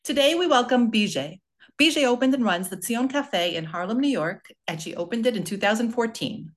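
A woman's voice: a little high, expressive, brisk, soft background music. A woman hosting a podcast, introducing her guest and asking questions with enthusiasm. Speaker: podcast host. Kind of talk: podcast interview.

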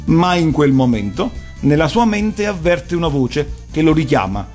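A man's voice: a little high, big pitch swings, normal speed. A man giving an erudite, didactic commentary on animation. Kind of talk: explanatory talk, analysing cartoons. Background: soft music.

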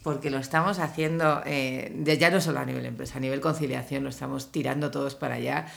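A woman with a Spain Spanish accent hosting a casual chat, talkative and quick to laugh. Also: extremely low pitch, fairly even intonation, vocal fry. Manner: chatty, laughs often. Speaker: host.

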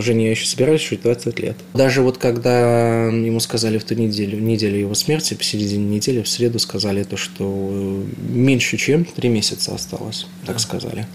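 Young man, casual halting interview answers, faint noise. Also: fairly low pitch, fairly even intonation, a little mellow. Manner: hesitant, halting, with frequent restarts. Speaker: interview guest. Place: house.

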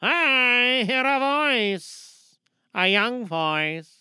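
A performer voicing an old blind male sailor who begs for help in a slow, pleading way, as an audio drama part. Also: mid-range voice, animated, pushed and bright, clear, resonant tone, dry recording, studio quality, heavily acted. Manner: slow, pleading, drawn-out delivery.

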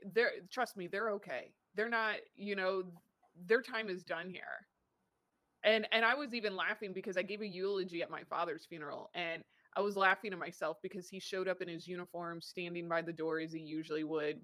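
A woman's voice: fairly low pitch, a bit bright. A woman hosting a casual interview chat, chatty and playful. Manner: chatty, playful, says "y'all". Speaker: podcast host, medium.

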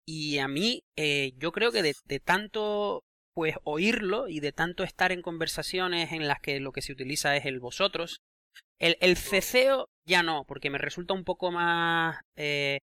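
Bright-voiced Canarian man, hesitant. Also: on the high side, a little slow, no echo, clean studio sound. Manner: reflective, hesitant, with many fillers. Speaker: podcast co-host. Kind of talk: casual conversation.

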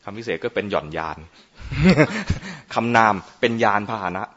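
A man's voice: medium pitch, big pitch swings, measured pace, a bit bright, slightly rough. A man, a Buddhist monk, giving an informal dharma talk on meditation in a playful, teasing way, often quizzing his listeners. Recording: muffled lo-fi recording.

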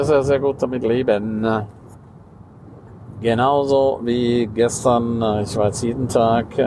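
A man's voice: mid-range voice, creaky, noisy background. A man hosting a casual podcast monologue, ranting indignantly and often ending with tag questions. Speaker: podcast host and coach.

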